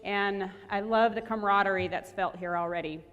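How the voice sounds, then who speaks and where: At a banquet hall luncheon, a guest speaker in her forties gives an upbeat motivational talk, frequently restarting her phrases. Her medium-pitched voice is steady, smooth, fairly bright, and fairly quick. The lapel mic audio sounds dull and the hall is echoey.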